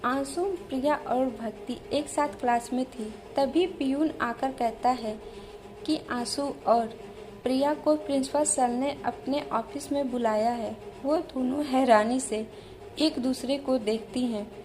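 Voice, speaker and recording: A woman reading a romance novel aloud as a storyteller, in slow, even narration. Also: sits high, background noise.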